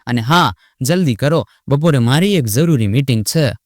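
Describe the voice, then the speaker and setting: A man's voice: mid-range voice, expressive, moderate pace, dry recording, clean studio sound, lightly acted. A man doing a cold, sarcastic grown son.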